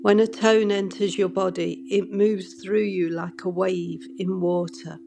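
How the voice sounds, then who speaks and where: A sound healing guide giving scripted meditative narration in a measured, soothing manner. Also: mid-range voice, flat delivery, vocal fry.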